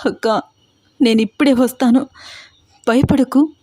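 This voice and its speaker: A woman's voice: sits high, steady tone, measured pace, dark tone, husky, no echo, clean studio sound, voice pushed up. A woman voicing a frightened young woman who mutters in tense indignation. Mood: anxious.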